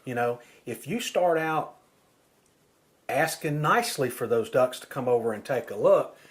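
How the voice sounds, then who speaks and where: A man's voice: mid-range voice, expressive, normal speed. A man working as an instructor, explaining technique informally, step by step and with examples. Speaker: duck-calling instructor.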